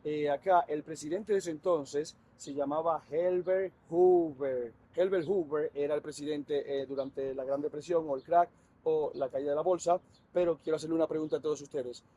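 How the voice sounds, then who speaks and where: A man's voice: fairly high pitch, fairly even intonation, normal speed, warm tone. A man with a Dominican Spanish accent guiding a walking tour outdoors, quizzing his group with questions. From Dominican Republic. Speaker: tour guide. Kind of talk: guided walking tour talk. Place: outdoors in a city.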